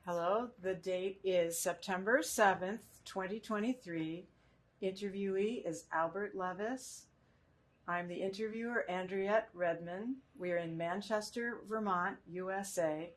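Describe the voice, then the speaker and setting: Formal woman interviewer. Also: mid-range voice. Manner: measured, formal questioning. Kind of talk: oral history interview.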